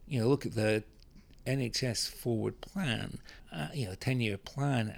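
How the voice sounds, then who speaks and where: Creaky-voiced man explaining policy. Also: medium pitch. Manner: measured, many fillers. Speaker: public health expert. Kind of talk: interview answers, explanatory.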